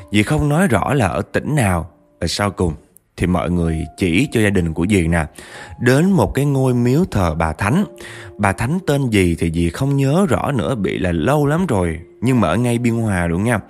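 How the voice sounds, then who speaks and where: A man narrating a ghost story in a lively way, speaking directly to his listeners. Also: fairly low pitch.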